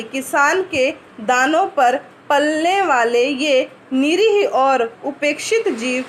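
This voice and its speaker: High-voiced woman teacher reading slowly. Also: a little hiss or hum. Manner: pauses to ask and answer word meanings. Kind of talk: reading a story aloud and explaining words to pupils.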